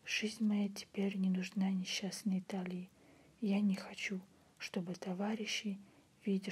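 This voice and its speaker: A woman reads a literary story in a breathy, unvoiced ASMR whisper, softly and in a measured way. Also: medium pitch. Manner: soft, measured literary reading. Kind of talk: whispered ASMR audiobook narration. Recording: faint background noise.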